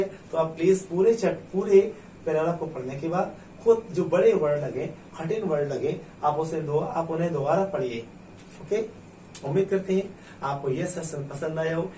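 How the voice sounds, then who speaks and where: A man's voice: on the high side, dark tone, roomy sound, far from the mic, a little hiss or hum, low-quality recording. A man teaching spoken English with an Indian accent, repeating each word and phrase over and over. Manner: drills words slowly, repeating each many times.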